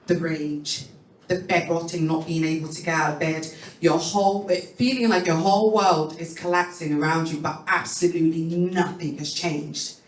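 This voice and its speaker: A woman in her thirties, an event host, telling a personal story to an audience in a candid, animated way, acting out what people said. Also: low voice. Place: event venue room. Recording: echoey room, voice from far off.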